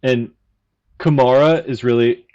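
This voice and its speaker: Measured fan guest on a lo-fi mic. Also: male voice, medium pitch, warm tone. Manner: analytical, measured, talks in long explanations. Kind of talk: casual podcast chat.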